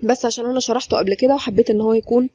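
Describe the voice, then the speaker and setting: Egyptian lady english teacher, kinda high voice but soft and mellow, goes over slides and repeats example lines slow and clear. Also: steady tone, no room sound, rough recording. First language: Arabic. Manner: patient, repeats example sentences slowly and clearly. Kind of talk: slide-based pronunciation lesson.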